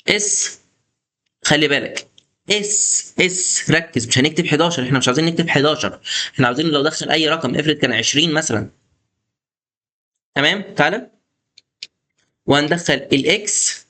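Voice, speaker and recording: A man's voice: on the high side, a bit bright. A man with an Egyptian Arabic accent giving a casual coding lesson, chatty and coaxing as he talks the viewer through each step. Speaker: programming tutor.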